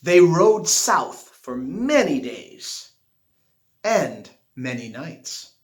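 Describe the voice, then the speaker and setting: A man reading a children's picture book aloud expressively, with dramatic pauses and drawn-out words. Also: a little high, big pitch swings. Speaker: storybook reader. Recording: echoey room.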